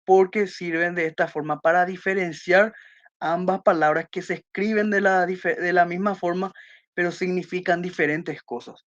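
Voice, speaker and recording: A Spanish teacher giving an online class, explaining accent rules and slowly reading out example sentences, checking in with her students. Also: lowish voice, steady tone, highs cut off. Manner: checks in with students by asking questions.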